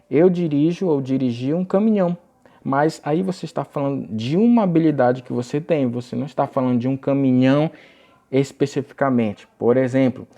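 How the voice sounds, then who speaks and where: Gravelly male teacher explaining grammar. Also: medium pitch, warm tone. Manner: explains slowly, reads English phrases aloud deliberately. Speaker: English teacher. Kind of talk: recorded video lesson.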